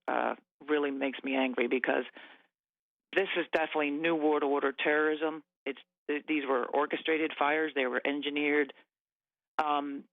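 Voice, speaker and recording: A man calling in to a radio show over the phone, talking in an agitated, halting way with many fillers and restarts. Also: fairly high pitch, gravelly, no room sound. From Nova Scotia. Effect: radio show caller on a phone line. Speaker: caller. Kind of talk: agitated call-in talk. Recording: tinny phone line.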